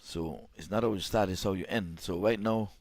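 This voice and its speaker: A man calling a live cricket match as commentator, his voice climbing high and loud when a catch or wicket comes. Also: normal speed, no room sound. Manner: rises sharply in pitch and volume at big moments.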